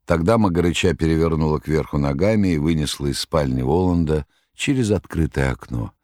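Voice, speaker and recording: A man narrating an audiobook in a measured storytelling manner. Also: rumbling low, a little mellow, no echo, clean studio sound.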